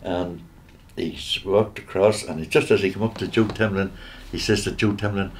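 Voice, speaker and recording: A man's voice: low-pitched, fairly even intonation, moderate pace. An older man with a Northern Irish accent, telling rambling anecdotes from memory with hesitant restarts and chuckles. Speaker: interviewee. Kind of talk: reminiscing storytelling.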